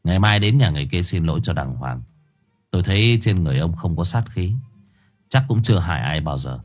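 Storybook spirit: young, cold, low and commanding, put on by a man. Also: animated, fairly quick, soft background music. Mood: stern. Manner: cold, stern.

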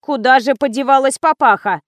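A woman's voice: high voice, a little fast, dry recording, studio quality, natural voice. A woman reading voicing Lisa, a brash, irritable young office worker who snaps and scolds. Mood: snappish. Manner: snappy, scolding.

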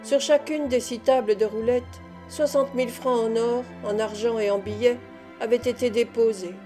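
A woman narrating a classic novel as an audiobook, in a measured, even reading. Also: on the high side, music in the background. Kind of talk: scripted narration.

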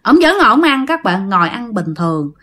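A woman with a Southern Vietnamese accent telling a ghost story in a casual, animated way and talking directly to her listeners. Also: mid-range voice, brisk.

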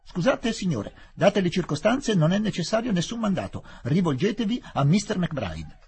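A man voicing a nervous police inspector with a shrill, high, overly formal voice. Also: sing-song, normal speed, a little mellow, a little hiss or hum. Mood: anxious.

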